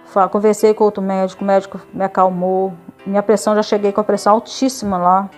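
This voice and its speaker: A church member, a woman, gives a religious testimony, telling her story emotionally and acting out other people's lines in quoted voices. Her mid-range voice is delivered flatly at a quick pace over soft background music.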